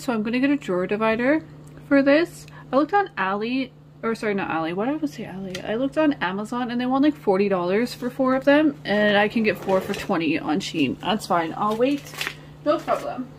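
A chatty woman talks her viewers through organizing her nail studio from the floor, rambling as she goes. Her voice sits a little high. A steady hiss runs under the room recording. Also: brisk. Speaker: nail art vlogger. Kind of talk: casual chat while organizing.

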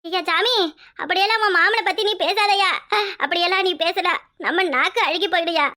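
A woman puts on an emotional older village mother for a cartoon, who pleads and scolds. Her voice is strikingly high and bright, and her words come out fast. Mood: grieving. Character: worried, tearful older village mother and sister. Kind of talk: cartoon voice acting.

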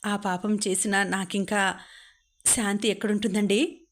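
A woman's voice: medium pitch, little pitch movement, a little slow, natural voice. A woman reading an anguished young mother. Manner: pleading, tearful.

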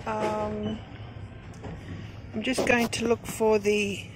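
A woman's voice: medium pitch, level tone, very slow, background noise. A middle-aged Australian woman vlogging her grocery haul, chatty and thrifty, listing items with frequent ums, filmed on a handheld phone. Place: discount shop aisle, then at home over groceries.

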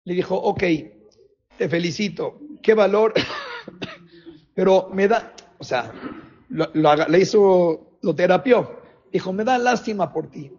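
A man preaching as a rabbi, animated, firing off rhetorical questions. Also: high-pitched, slow pace, pauses often, slightly rough. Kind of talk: sermon. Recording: dull lo-fi recording.

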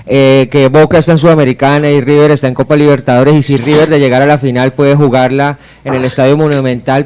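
A man's voice: a little high, a little mellow, a little hiss or hum. A man on a sports radio panel asking a guest long, carefully built questions. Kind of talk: radio-studio interview.

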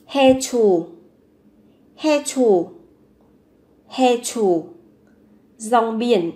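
Lady teacher going over vocab real slow, says every word three times, kinda high voice. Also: animated, warm tone. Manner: repeats each word three times, then explains it patiently. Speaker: language teacher. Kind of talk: vocabulary lesson, repeating words slowly.

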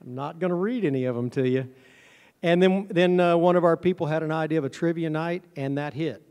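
With a slightly high, smooth, darkish voice and a fairly quick pace, a middle-aged man presents at a conference in a folksy, informal way that makes light of himself. He owns a honey farm and speaks into a handheld mic through the PA on a large indoor stage, filmed by an audience camera with hall reverb.

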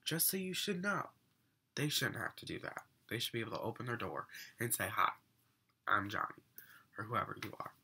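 This vlogger is a teenage boy still getting over an illness, his voice a bit off as he rants casually into the webcam on his bedroom desk. He speaks at normal speed with a medium pitch, very animated, bright and forceful with a breathy edge, stumbling through lots of fillers and restarts.

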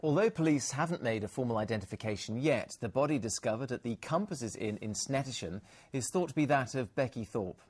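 A man reading the regional news as studio presenter in a measured delivery. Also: mid-range voice, animated, darkish tone, breathy edge.

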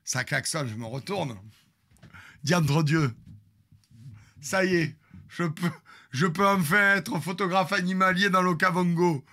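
A man's voice: high voice, unhurried, pauses often, pushed and bright. A man in his fifties telling a story in a crude, theatrical, jokey way, with asides to his chat. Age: 50s. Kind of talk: casual storytelling.

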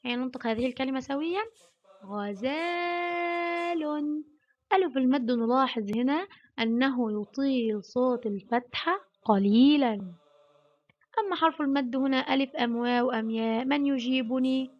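A woman teaching a kindergarten Arabic lesson, sounding out letters slowly and praising the children often. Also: sits high, lo-fi sound. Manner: slow, drawn-out syllable sounding with warm praise.

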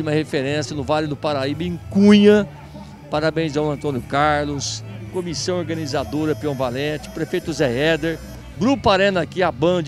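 High-pitched hyped Brazilian rodeo announcer man. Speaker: rodeo TV presenter and interviewer. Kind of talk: live event reporting and interviews. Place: at a rodeo festival, in booths and outdoor stalls. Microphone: handheld microphone.

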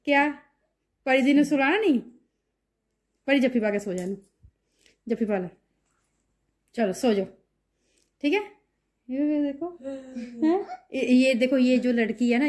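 A woman talking softly to her children and the camera at home late at night, recorded on a phone. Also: on the high side. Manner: soft, coaxing talk to children at night. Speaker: vlogger, mother. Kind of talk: casual home vlog.

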